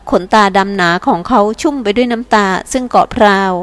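A woman's voice: on the high side, brisk. A woman narrating a novel in the first person for an audiobook, with emotional storytelling.

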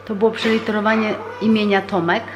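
A woman's voice: medium pitch, fast talker, over music. Patient mother teaching reading at home. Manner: calm, patient, explanatory, with frequent hesitations. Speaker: parent teaching her child to read. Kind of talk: home reading lesson vlog. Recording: echoey room with faint noise.

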